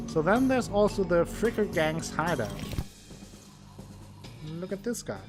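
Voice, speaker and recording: This male streamer plays a game with music underneath, reading out its text with playful, exaggerated pitch swings and cracking jokes in between. He sounds animated and keeps a measured pace.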